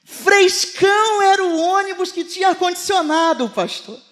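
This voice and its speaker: A man with a Carioca accent preaches to a congregation in a strikingly high voice. He drops to a hush for his stories, then rises to fervent, shouted calls, the way a Rio pastor carries a live church service. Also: moderate pace. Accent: Carioca Brazilian Portuguese. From Rio de Janeiro, Brazil. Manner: impassioned, swinging from hushed storytelling to shouted exhortation.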